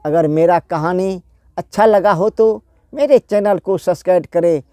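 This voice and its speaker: A man's voice: sits high, a little slow, dark tone, smooth, no room sound, studio quality. A man telling a folk tale in a plain, repetitive way, often restarting phrases. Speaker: storyteller.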